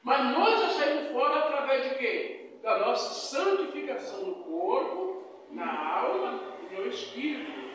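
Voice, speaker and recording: Pastor pregando, voz aguda, eco de salão longo, meio distante, ruído de fundo leve. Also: male voice, extremely high pitch, big pitch swings, a little slow, fairly bright tone, a little hiss or hum. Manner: preaches in a rising, emphatic cadence, repeating phrases; tells personal testimony with quoted dialogue. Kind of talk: sermon. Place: church hall. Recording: echoey hall recorded from far off.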